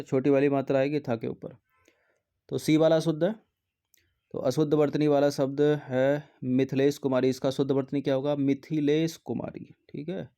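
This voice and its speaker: A man's voice: mid-range voice, gravelly, mellow. A man teaching Hindi grammar, reading out exam questions and their answer options, then explaining methodically which one is correct.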